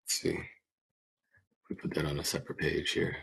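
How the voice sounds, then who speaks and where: A man hosting a casual podcast, his voice hoarse and croaky like a frog because he is sick. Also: extremely low pitch, little pitch movement, normal speed, fairly bright tone. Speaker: podcast host.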